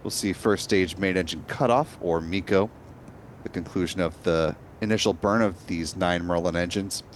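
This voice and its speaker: A man's voice: low voice, moderate pace, a little hiss or hum. A man hosting a live launch webcast, explaining events in a composed way.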